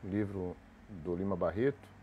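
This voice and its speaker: A man's voice: low voice, normal speed, muffled recording, a little hiss or hum. A man with a cold, sounding congested, hosting a casual live stream, greeting viewers by name as he rambles with restarts.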